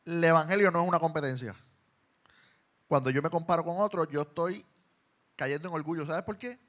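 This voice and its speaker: A man with a Puerto Rican accent preaching a sermon in a church, moving between quiet asides and loud, emphatic lines. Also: on the high side, fairly quick. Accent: Puerto Rican Spanish. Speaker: pastor.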